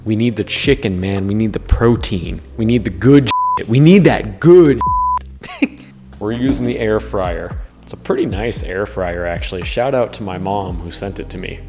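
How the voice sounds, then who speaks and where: A giggly, tipsy man with a lowish voice hosts a casual cooking vlog. He talks in a goofy, drunken way and tends to exclaim. The room rings with long reverb, and music plays behind him. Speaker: host of a drunk cooking video. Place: indoors in a kitchen.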